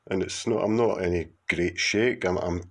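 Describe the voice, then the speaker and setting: A man in his fifties from Scotland, with a Glaswegian accent, sends a video message and talks casually to camera. His voice sits low with fairly even intonation at a normal speed. He rambles and hesitates, full of fillers and restarts.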